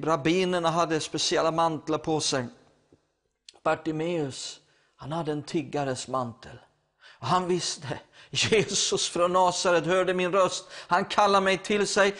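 A man's voice: a little high, fairly bright tone. Swedish man preaching a story. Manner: retells a Bible story with acted quotes, stammering restarts. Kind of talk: sermon storytelling.

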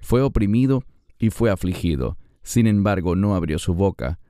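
A man hosting a Bible discussion, speaking in an earnest, measured way. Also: deep voice, expressive, dark tone, no echo, clean studio sound. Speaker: host.

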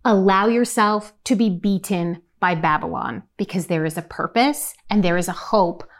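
A woman's voice: lowish voice, normal speed. A woman co-hosting a Bible program, reading verses aloud and explaining them in an earnest teaching way. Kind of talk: scripture reading and discussion.

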